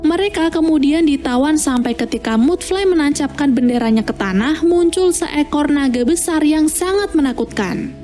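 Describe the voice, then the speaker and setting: A woman's voice: high voice, expressive, normal speed, over music. A woman narrating a film plot recap as scripted storytelling.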